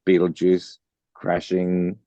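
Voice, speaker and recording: A man with a very low, mellow bass-baritone voice tells stories in an easygoing interview, full of fillers and restarts. The sound is dry and a little dull, like a lo-fi recording. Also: monotone, slow, dry recording. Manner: chatty, storytelling with many fillers. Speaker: guest songwriter. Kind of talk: casual interview chat.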